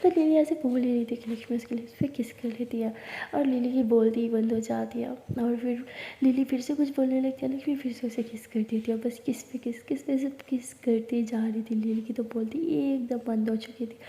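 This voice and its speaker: A woman telling a love story in whispered role-play, narrating in an intimate, breathy whisper. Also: fairly high pitch, steady tone, brisk, mellow. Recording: roomy reverberant echo.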